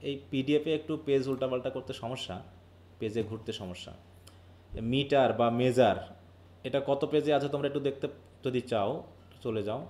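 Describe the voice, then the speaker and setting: Speaking at a normal speed with frequent pauses, a man with a mid-range, slightly mellow voice leads a live online English literature lesson. He is from Bangladesh, explains each point in sequence, blends English terms into his talk and keeps putting questions to the class.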